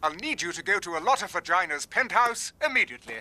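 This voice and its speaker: A man's voice: sits high, animated, fast talker, background noise. A man playing a stiff British intelligence chief with an English accent, giving a formal briefing.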